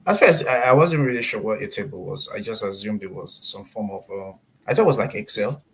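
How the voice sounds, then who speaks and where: A man talks earnestly about his work as a podcast guest. His voice is low and a bit husky. He tells his story at an easy, conversational pace. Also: animated, fairly quick. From Nigeria. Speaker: podcast guest, software engineer. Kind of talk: casual interview answers.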